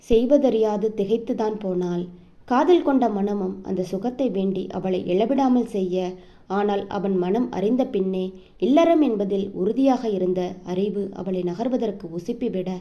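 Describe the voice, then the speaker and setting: A woman narrating a romance novel in a steady storytelling voice. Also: medium pitch.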